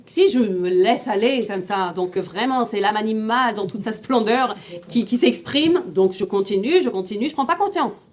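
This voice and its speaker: Woman teaching, slightly high voice. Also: lively intonation, normal speed, hardly any pauses. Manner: explains step by step, often asking the class questions; frequent restarts and repeated words. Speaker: teacher of a Tanya class. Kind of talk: informal classroom lecture.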